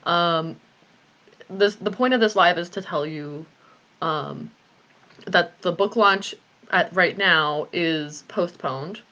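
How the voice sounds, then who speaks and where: Woman, late twenties, low-ish voice, candid and rambling live-video chat, muffled lo-fi sound. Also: slow, pauses often, sharp tone. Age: 20s. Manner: chatty, candid, rambling with many ums. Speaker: author and group host.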